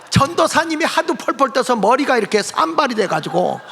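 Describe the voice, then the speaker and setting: Lively gravelly-voiced pastor in a hall. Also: male voice, very high voice, moderate pace. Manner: animated, acts out the characters' voices. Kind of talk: storytelling sermon. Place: church sanctuary.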